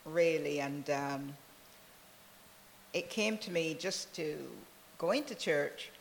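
A woman from Barbados, a church member, giving a soft, unhurried testimony in an interview. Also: low-pitched, big-room sound, a little hiss or hum. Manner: soft-spoken, unhurried, many "really"s.

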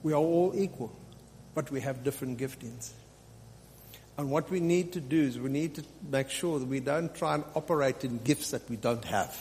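A man with a darkish, medium-pitched voice preaches at a moderate pace. His extemporaneous sermon exhorts the congregation, with phrases repeated for emphasis. There is hall reverb from the large live venue, plus a faint hum and noise.

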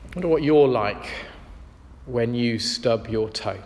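A man's voice: medium pitch, measured pace, darkish tone. A man preaching a sermon, earnest and reflective as he tells stories. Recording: long reverb of a large hall.

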